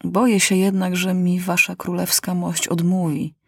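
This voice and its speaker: A woman's voice: on the low side, little pitch movement, normal speed, creaky, slightly rough, no echo, studio quality. A woman reading a storybook, voicing a timid, polite old male court doctor who talks hesitantly.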